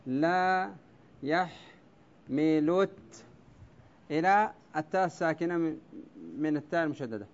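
A male teacher in a classroom, going over poetic meter at the board, drawing words out slowly syllable by syllable and calling on students by name. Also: fairly high pitch, highs cut off. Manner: quizzes students by name, brief praise. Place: classroom with a blackboard.

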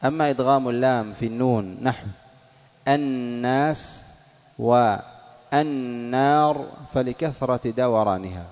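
Male recitation teacher, mid-pitched. Drills his examples slowly and quizzes the class. Dull recording with a long hall echo. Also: darkish tone. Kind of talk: classroom lesson on recitation rules. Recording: dull audio in a reverberant hall.

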